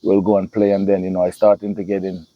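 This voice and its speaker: A middle-aged man, a football coach, chatting in an interview in a relaxed, hesitant way with many pauses. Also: sits low, dry recording, lo-fi sound. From Jamaica. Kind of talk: casual interview chat.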